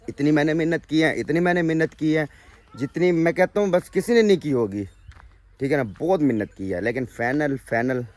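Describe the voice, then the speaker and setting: Vlogging casually to camera, a young Pakistani man speaks in a low, darkish voice with a tinge of an accent. He comes across as earnest, almost pleading, and keeps repeating "okay?"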